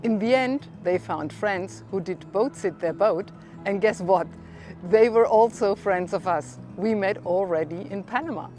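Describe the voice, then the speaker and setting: A woman's voice: mid-range voice, darkish tone. A woman who speaks English as a second language, hosting a casual interview and narrating. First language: not English. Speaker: host interviewer. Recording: background music.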